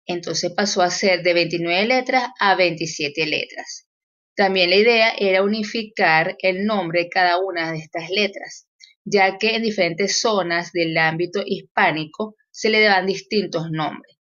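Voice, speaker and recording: A woman's voice: on the low side, measured pace, a bit bright, muffled recording. A woman teacher explaining grammar in a recorded lesson, with fillers and self-corrections.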